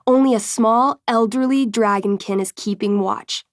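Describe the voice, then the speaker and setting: An actress voices an enthusiastic young woman acting as game master in a video game, switching between theatrical tabletop-style storytelling and casual, wry asides. Her voice sits on the high side at a moderate pace, lightly acted, with clean studio sound and no echo.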